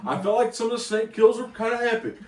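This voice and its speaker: A man co-hosting a podcast in casual chat, animated and exclaiming often as he talks. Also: extremely high pitch, fast talker. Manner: animated, exclaims often, mocks bad accents. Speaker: podcast co-host. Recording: echoey room, mic at a distance.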